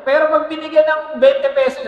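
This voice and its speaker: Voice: high-pitched, little pitch movement, quick pace, lo-fi sound. Joking middle-aged preacher in echoey hall. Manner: jokey, keeps asking the congregation "Amen?"; mixes English phrases into speech. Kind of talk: Taglish sermon. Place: church service hall. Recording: echoey hall with long reverb.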